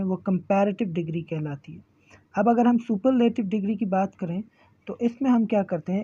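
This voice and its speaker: A woman teaching an English grammar lesson, patiently repeating examples and slowing down to spell them out. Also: medium pitch, dark tone, breathy edge, lo-fi sound. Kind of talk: classroom grammar lecture.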